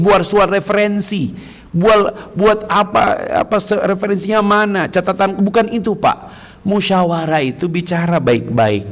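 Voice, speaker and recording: Male preacher, mosque sermon, fairly high voice, swings from shouts to murmurs. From Indonesia. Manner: animated, bursts into shouted high-pitched quotes, drops to soft murmurs. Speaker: ustaz preaching to a congregation. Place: mosque hall.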